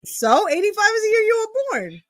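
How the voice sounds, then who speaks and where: A woman's voice: very high voice, very animated, a little fast, a bit bright, dry recording. A woman with a Brooklyn accent co-hosting a wrestling podcast, chatting in a teasing, playful way. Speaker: podcast co-host. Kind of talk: casual chat reviewing a wrestling show.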